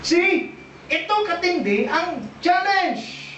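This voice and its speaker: Animated Filipino preacher in an echoey church. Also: male voice, extremely high pitch, slow pace, a little hiss or hum. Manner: animated, asks the congregation questions. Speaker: pastor. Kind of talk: sermon. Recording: echoey church, distant dull mic.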